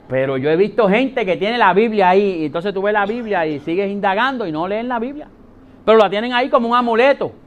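A middle-aged man preaching a sermon as pastor, emphatic, swinging between soft and loud and repeating key phrases. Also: high-pitched.

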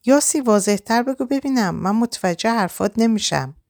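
A woman's voice: a bass voice, lively intonation, gravelly, dry recording, studio quality, full character voice. A woman reading an angry young man. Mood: shouting. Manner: indignant, accusing. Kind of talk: audiobook character reading.

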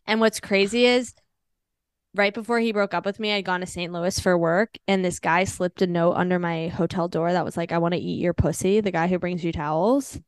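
A woman's voice: lowish voice, steady tone, brisk, clear, resonant tone, dry recording. A woman in her thirties, a podcast guest telling her own story candidly, rambling and swearing freely. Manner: rambling, frank, swears freely, laughs at dark moments.

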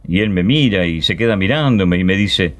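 A man reads a short story on the radio with a low voice. His pitch rises and falls in a lively way as he speaks as a child, wistful and close. The telling is intimate and expressive. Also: normal speed. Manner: tells it in a child's first-person voice, wistful and intimate. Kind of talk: expressive literary reading.

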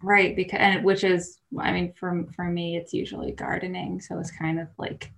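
A woman's voice: fairly low pitch, little pitch movement, normal speed, vocal fry. A woman playing a tabletop role-playing game, talking casually and in character as a player. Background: faint plucked guitar music.

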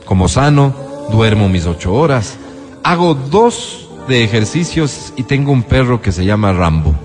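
A man's voice: mid-range voice, big pitch swings, unhurried, soft background music. Man reading as burly fed-up gym guy Titán. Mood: boastful. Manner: melodramatic, mock-earnest letter reading.

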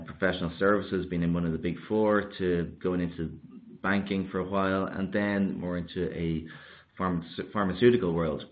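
Deep-voiced Irish man on a tinny line. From Ireland. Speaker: podcast host. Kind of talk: casual podcast chat.

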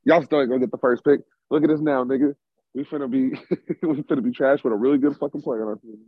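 Fast, husky-voiced male podcast co-host, loose and profane, with a muffled, bass-heavy sound from a covered home mic. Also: steady tone, dry recording. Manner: loose, profane and quick-talking. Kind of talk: casual sports banter. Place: home, indoors.

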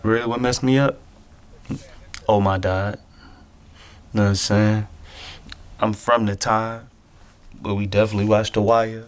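A man's voice: lowish voice, little pitch movement, a little slow, long pauses, clear, resonant tone. A man talking in a loose, slangy ramble, often repeating "you know what I'm saying". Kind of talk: casual rambling commentary.

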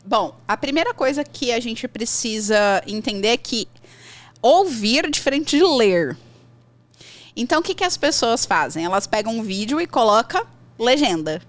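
A woman with a Brazilian Portuguese accent, an English teacher giving lively advice in a podcast conversation and acting out her students' complaints. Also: moderate pace, no room sound. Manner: animated, acts out learners' complaints in a high voice.

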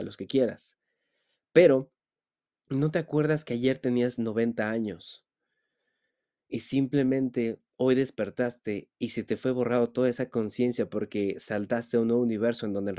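Man, mellow warm voice, podcast host, spiritual monologue, rhetorical questions. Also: mid-range voice. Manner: speaks directly to the listener with rhetorical questions.

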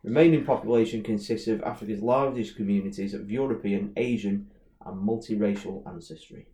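A man with a fairly low voice chats in a laid-back way on a podcast, sprinkling his speech with ums as he reads facts aloud. The room gives his voice a roomy echo. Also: brisk, mellow. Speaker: co-host. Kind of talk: casual podcast chat.

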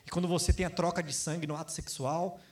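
A man with a Brazilian Portuguese accent preaching a sermon, lively, acting out quoted voices and asking his congregation questions. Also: fairly high pitch, fast talker. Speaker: pastor.

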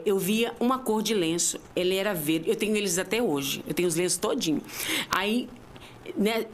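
Woman giving a tearful faith testimony. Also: a little hiss or hum. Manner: heartfelt, swings from low murmurs to high emphatic cries. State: tearful at times. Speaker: podcast guest.

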